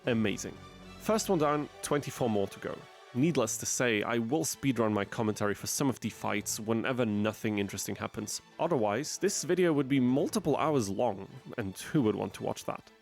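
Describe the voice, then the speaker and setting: Male game-channel narrator, mid-pitched, deadpan wry commentary over faint music. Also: moderate pace, vocal fry. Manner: wry, dry asides. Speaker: gaming video narrator. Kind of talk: scripted gameplay commentary.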